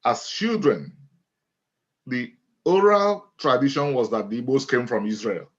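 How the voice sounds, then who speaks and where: A middle-aged man with a Nigerian accent tells his story as an interview guest. He speaks in a measured, deliberate way at an ordinary pitch and often restates a phrase. The audio is dull and lo-fi. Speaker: guest, author and lawyer.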